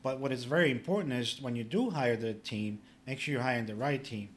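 In this casual podcast interview, the guest, a public adjuster from Poland who grew up speaking Polish, talks fairly quickly in a mid-range voice over a faint hiss or hum. He is plain-spoken and instructive, often saying "you know."

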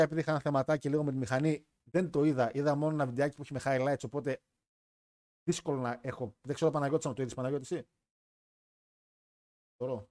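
Guy hosting a live stream, jokey and rambly, kinda high voice. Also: darkish tone. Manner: chatty, joking, rambling with restarts. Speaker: wrestling podcast host. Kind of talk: casual chat on a live stream.

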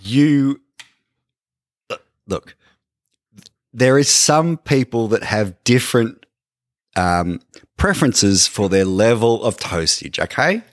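A man co-hosting a podcast, casually pitching a product idea to his co-host with animated, acted-out dialogue. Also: slow pace, pauses often, dry recording, studio quality.

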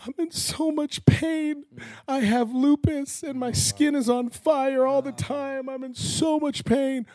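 A man voicing a middle-aged woman in chronic pain, sobbing and pleading in a high, strained falsetto. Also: fairly even intonation, slow, warm tone.

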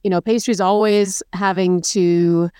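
A woman chef hosting an interview, talking in a relaxed way with light laughs between phrases. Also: medium pitch, unhurried, smooth, no echo, clean studio sound. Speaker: chef and host. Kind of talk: casual interview chat.

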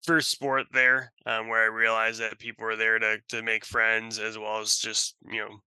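A Russian man, a podcast guest who works as a sales and service executive for a sports franchise, gives casual, rambling interview answers peppered with "you know." His fairly low voice is monotone and sharp, at a moderate pace. The sound is clean with no room echo, though the audio quality is poor.

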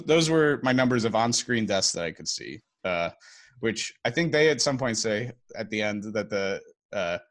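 A man's voice: medium pitch, a bit bright. A man hosting a casual conversational recap of a TV episode. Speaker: podcast host.

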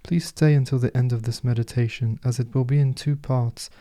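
A man guiding a meditation as host, speaking in a soft, slow, soothing way. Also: mid-range voice, fairly even intonation. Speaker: meditation podcast host and guide. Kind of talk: guided meditation narration.

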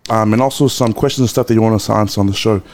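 A man hosting a podcast, talking casually with many pauses and fillers. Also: fairly low pitch, steady tone, a little mellow. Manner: hesitant, lots of fillers, friendly slang. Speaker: podcast host. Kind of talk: casual chat.

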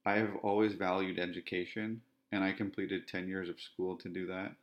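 A deep-voiced man from Ontario hosts a podcast, talking in monologue. His delivery is flat, a monotone he acknowledges himself, with measured phrasing that tends to repeat.

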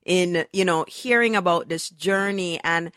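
A woman's voice: fairly low pitch, unhurried, fairly bright tone, no echo, clean studio sound. A woman hosting a podcast in an enthusiastic, upbeat way, introducing and interviewing her guest. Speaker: podcast host.

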